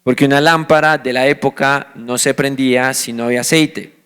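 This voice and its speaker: A man's voice: mid-range voice, steady tone, fairly quick, a bit bright, clean tone. A man with a Colombian accent preaching a sermon as a pastor, explaining scripture and asking his listeners questions that he then answers himself. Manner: teaching, asks the congregation questions and answers them.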